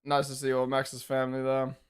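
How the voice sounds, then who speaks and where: A man's voice: medium pitch, monotone, fairly quick, smooth. A man hosting a live watch-along, talking loosely and swearing now and then. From New Zealand. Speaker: live stream host.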